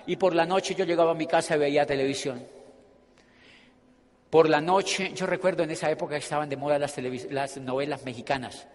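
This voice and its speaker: A man giving a humorous, storytelling motivational speech to an audience and acting out the scenes he describes. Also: high-pitched. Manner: animated, humorous, acts out scenes. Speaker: motivational speaker at a business meeting. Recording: hall reverb.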